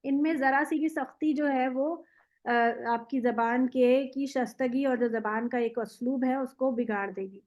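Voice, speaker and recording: A woman teacher, a native Urdu speaker, patiently explaining letter sounds step by step and modelling them slowly. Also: sits high, fairly even intonation, darkish tone. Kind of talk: patient pronunciation instruction.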